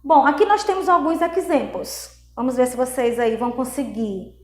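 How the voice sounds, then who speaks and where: A woman from Brazil teaching English grammar in a video lesson, explaining step by step, checking in often and reading English examples slowly. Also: high voice, echoey room.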